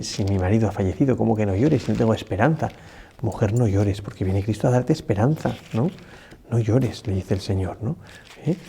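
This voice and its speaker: A man preaches a morning meditation in a low, very dark and husky voice. He talks in a conversational way, tossing in "no?" and "eh?" and often starting his sentences over. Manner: conversational, many rhetorical tags and restarts. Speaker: priest.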